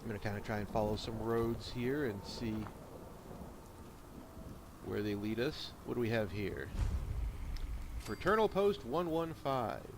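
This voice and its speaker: A man's voice: mid-range voice, unhurried, long pauses. A man giving casual video game commentary, with rambling explanatory asides. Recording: steady background noise. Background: video game ambience and noise.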